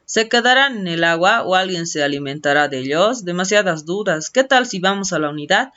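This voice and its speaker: A woman's voice: lowish voice, expressive, a little fast, fairly bright tone. A woman teacher reading out the lines of a curious, friendly cartoon caiman from a schoolbook, asking questions as it wonders aloud, over dull lo-fi audio.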